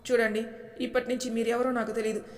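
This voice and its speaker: A woman's voice: on the high side, level tone, quick pace, echoey room, big-room sound, close to an everyday voice. A woman reading as a cold, defiant young wife.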